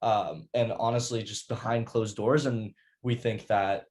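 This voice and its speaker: Young man presenting, low voice. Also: fairly even intonation, a little slow, darkish tone. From United States. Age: young adult. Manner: earnest, many fillers and restarts. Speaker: student presenter. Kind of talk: prepared presentation. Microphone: video call.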